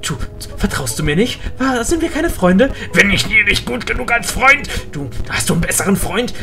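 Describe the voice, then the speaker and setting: A woman's voice: mid-range voice, very animated, moderate pace, gravelly, over music, voice pushed up. A woman reading out the lines of a clingy, possessive boy buddy from a game as he pleads with the player. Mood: hurt pleading. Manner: pleading, rising to frantic begging.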